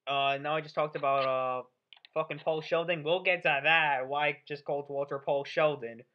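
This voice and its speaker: A woman's voice: low voice, steady tone, moderate pace. A woman ranting through a sarcastic, profane, rambling movie review. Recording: dull lo-fi audio.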